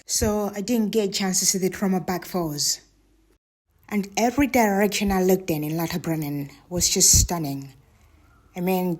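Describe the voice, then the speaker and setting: A woman's voice: on the low side, a little mellow. A woman casually narrating her travel vlog in a chatty, candid way, admitting when she is unsure how to say a name. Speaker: travel vlogger.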